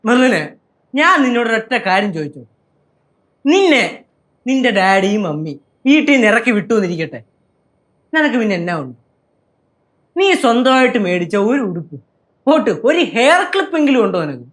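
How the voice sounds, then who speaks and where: An actor playing a boastful, stubborn young husband in a TV sitcom, argumentative in manner. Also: male voice, a little fast, pauses often, full character voice. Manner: boastful, argumentative, lively swings of pitch. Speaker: sitcom character. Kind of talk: TV sitcom acting.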